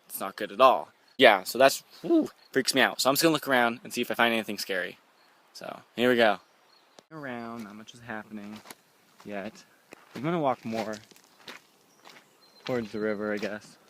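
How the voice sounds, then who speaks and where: Young man, outdoor handheld vlog, jittery and rambling, bright tense tone, faint outdoor hiss. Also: on the low side. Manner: jittery, rambling, nervous laughs, swings between whispering and loud exclaiming. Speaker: amateur paranormal vlogger. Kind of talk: handheld found-footage vlog. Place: woods outdoors.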